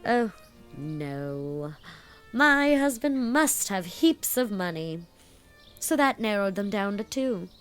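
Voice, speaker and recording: Here a woman plays a chatty, fun-loving girl of eighteen in an audiobook drama, giddy and flighty, gushing with playful theatrics. She speaks slowly and clearly in an animated mid-range voice with a resonant tone, and faint music sits behind her.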